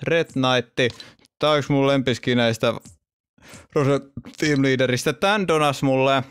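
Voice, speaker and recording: A man in a casual gaming video, going through his collection of skins in an offhand way with quick asides. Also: mid-range voice, a bit bright, clear, resonant tone. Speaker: gamer showing his skin collection.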